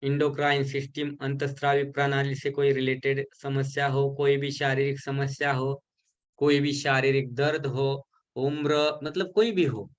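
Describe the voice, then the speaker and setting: A man giving a recorded lesson for a healing course, explaining slowly and repeating syllables to show how they are spoken. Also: medium pitch, flat delivery, dull audio. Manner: mixes English terms into his explanations.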